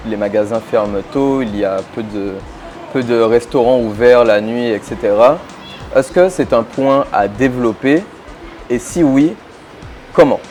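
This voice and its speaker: A man's voice: medium pitch, darkish tone. A man interviewing a candidate outdoors, asking questions in a hesitant way with fillers. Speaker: journalist interviewer.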